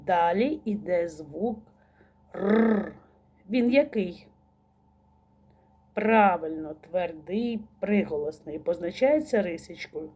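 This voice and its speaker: A woman teacher giving a slow, patient recorded lesson to young children, asking questions and praising answers. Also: mid-range voice, a little mellow, breathy edge.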